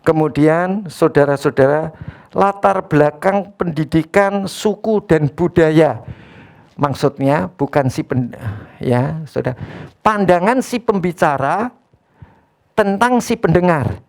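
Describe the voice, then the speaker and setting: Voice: mid-range voice, expressive, takes it slowly, creaky, darkish tone. Chatty preacher tagging every phrase. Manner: keeps addressing the congregation as brothers and sisters; punctuates phrases with a questioning "ya". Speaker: pastor. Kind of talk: conversational online sermon.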